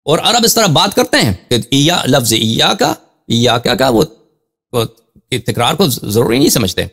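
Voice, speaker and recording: A male religious scholar lectures on Quran commentary, and his pitch swings widely as he stresses points. He reads Arabic passages slowly and explains them. He keeps repeating phrases and posing questions to drive each point home. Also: big pitch swings, creaky, a bit bright, husky.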